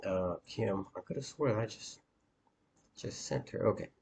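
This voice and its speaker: A man with a very deep, low voice talks viewers through a screen share as a dating coach. His delivery is halting and plain, full of pauses and fillers. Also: vocal fry, a little mellow. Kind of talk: screen-share walkthrough with commentary.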